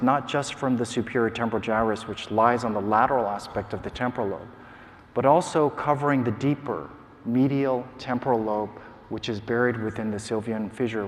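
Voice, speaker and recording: Man, academic lecture, lowish pitch, measured, explanatory, stage mic, reverberant conference hall. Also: slight background noise. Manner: measured, explanatory, occasional filler sounds. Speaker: scientist giving a prize lecture.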